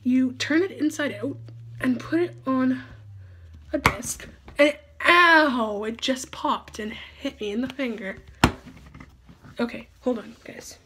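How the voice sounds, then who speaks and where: Teen girl vlogger, chatty and giggly, slightly high-pitched, faint noise on the recording. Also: unhurried, long pauses. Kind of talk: casual show-and-tell.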